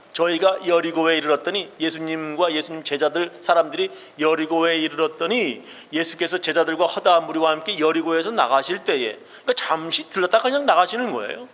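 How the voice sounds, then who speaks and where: A man's voice: on the high side, fairly bright tone, big-room sound. A male pastor giving a sermon, telling the story emphatically and acting out the quoted lines.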